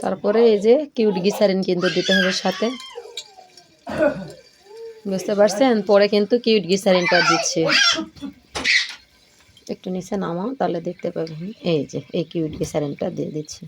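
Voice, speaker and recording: A woman's voice: on the low side, fairly even intonation, moderate pace, pauses often, very noisy. An older woman and home cooking vlogger chatting casually through a kitchen demonstration, often checking that her viewers are following along.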